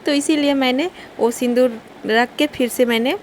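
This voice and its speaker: A woman's voice: high-pitched, normal speed, a little hiss or hum. A young woman, talking through her day and cooking in a casual home vlog, chatty and often laughing. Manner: chatty, laughs while telling. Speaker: vlogger. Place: home kitchen.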